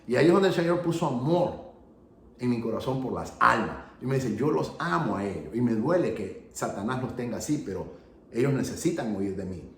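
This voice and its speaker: A man preaching as an evangelist, telling a testimony in animated storytelling style and laughing at himself as he goes. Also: mid-range voice, a little fast, reverberant, a little hiss or hum. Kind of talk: sermon testimony teaching.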